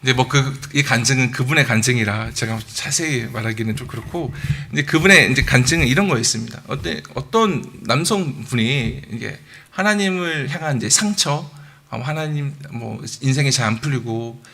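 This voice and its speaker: Man, 30s, church preacher, animated storyteller, bright forceful tone. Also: mid-range voice, moderate pace, vocal fry, slight background noise. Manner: animated storytelling with acted quotes and chuckles. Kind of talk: sermon.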